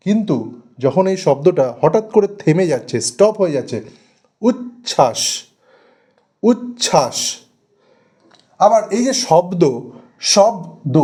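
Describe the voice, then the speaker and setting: A man teaching a grammar lesson for exam preparation, speaking slowly and deliberately, repeating and stretching out example words, with a West Bengal Bengali accent. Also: a little high, mellow.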